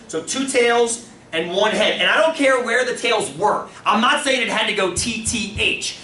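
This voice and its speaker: Lively high-voiced male teacher, echoey room. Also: slight background noise. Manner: playful, laughs easily, counts aloud. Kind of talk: classroom lecture. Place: classroom. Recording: echoey classroom, mic at a distance.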